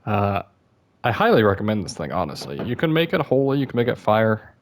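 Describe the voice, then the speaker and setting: A man's voice: lowish voice, big pitch swings, fairly quick, slight background noise. A young man giving casual, self-deprecating commentary over his gameplay, sounding a bit worn out and apologizing often. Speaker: gaming YouTuber.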